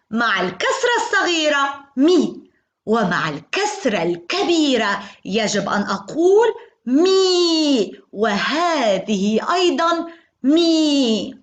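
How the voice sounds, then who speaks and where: A woman teaching a phonics lesson to young children, sounding out syllables in slow, sing-song repetition. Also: high-pitched. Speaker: kindergarten teacher.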